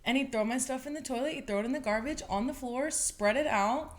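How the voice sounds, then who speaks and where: A woman's voice: sits high, a little fast. Chatty young woman hosting a podcast. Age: 20s. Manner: chatty, animated storytelling with laughs. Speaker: podcast host. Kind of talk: casual podcast monologue.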